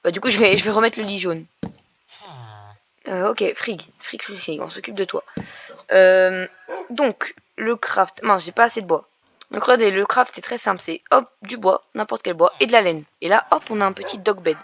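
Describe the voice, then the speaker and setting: A woman's voice: mid-range voice, moderate pace, gravelly, a bit bright, highs cut off. A young woman commenting on her Minecraft game in a chatty way, explaining as she plays, with many fillers and restarts. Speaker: gaming YouTuber. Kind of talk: Minecraft let's play commentary.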